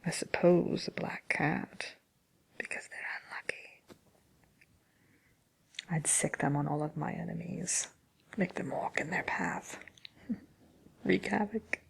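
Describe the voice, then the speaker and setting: Wicked witch, played by a woman: gravelly, slightly low, dry self-importance and sly mischief, hosting an ASMR chat show. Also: unhurried, low-quality recording. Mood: scornful, scheming. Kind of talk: in-character ASMR question-and-answer chat.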